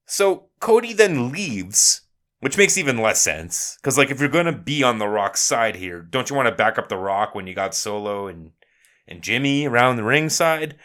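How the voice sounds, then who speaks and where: Ranting man with a lively voice. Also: mid-range voice, moderate pace. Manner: heated ranting with swearing. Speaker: podcast co-host. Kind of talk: casual chat.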